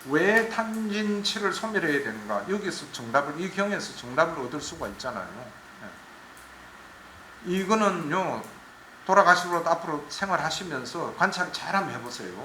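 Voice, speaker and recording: A man's voice: fairly high pitch, pushed and bright, a little hiss or hum. A man from giving a Buddhist dharma lecture with plain explanations, asking listeners to agree as he goes. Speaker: Buddhist teacher. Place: temple lecture hall. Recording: echoey room.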